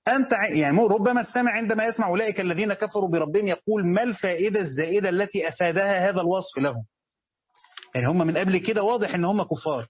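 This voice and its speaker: A man's voice: high voice, racing, slightly rough, no echo, dull audio. A man with an Egyptian accent giving a religious commentary lesson, reading passages and then explaining them in everyday speech. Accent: Egyptian Arabic. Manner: reads text aloud then explains it in colloquial speech. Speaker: teacher giving a tafsir commentary.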